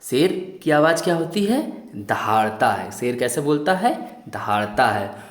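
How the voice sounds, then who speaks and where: A man's voice: mid-range voice, sing-song, unhurried. A male teacher reading a story aloud to young children, repeating questions and explaining new words. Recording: roomy echo.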